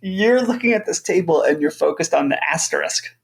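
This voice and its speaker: A woman co-hosting a casual podcast discussion, with a gravelly, husky voice and short agreeing replies. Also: deep voice, lively intonation, brisk. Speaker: podcast co-host.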